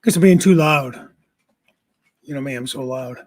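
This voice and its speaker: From home, a man with a raspy, mid-range voice hosts a casual livestream at a moderate pace, greeting viewers by name and chatting with them.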